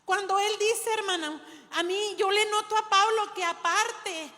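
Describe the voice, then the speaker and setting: A woman preaching in a very high, bright voice. She tells stories from the pulpit and keeps turning to her listeners as "brother". Her voice carries a long reverb from the hall. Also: steady tone, a little slow. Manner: storytelling, often addresses listeners as brother. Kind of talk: sermon.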